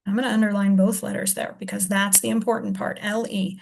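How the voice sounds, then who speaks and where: A woman teaching a reading lesson, patiently sounding out syllables slowly and explaining each step. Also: medium pitch, little pitch movement, vocal fry. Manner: slow, deliberate sounding-out of syllables.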